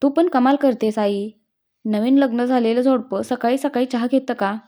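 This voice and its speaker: A woman's voice: on the high side, fairly even intonation, moderate pace, warm tone, close to an everyday voice. A woman voicing a playful, teasing young mother in a spoken story.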